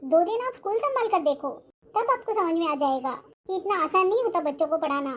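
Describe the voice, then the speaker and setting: A woman voicing a sharp-tongued young daughter-in-law. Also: very high-pitched, animated, fairly quick. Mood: defensive. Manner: complaining, snappish and dismissive. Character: arrogant, scornful young working daughter-in-law. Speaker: schoolteacher character.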